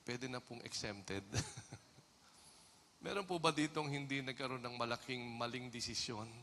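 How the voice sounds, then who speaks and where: A Filipino man preaching a sermon as pastor, swinging from hushed passages to shouted ones. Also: mid-range voice, unhurried, a little hiss or hum. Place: church hall. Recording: long hall reverb.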